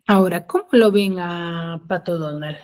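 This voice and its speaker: A woman teacher giving an online class, explaining step by step and often checking with quick tag questions. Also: on the low side, darkish tone. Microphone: video call.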